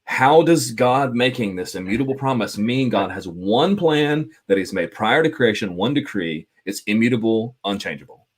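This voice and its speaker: A man co-hosting a casual podcast discussion, animated and quick to laugh. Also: mid-range voice. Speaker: podcast co-host.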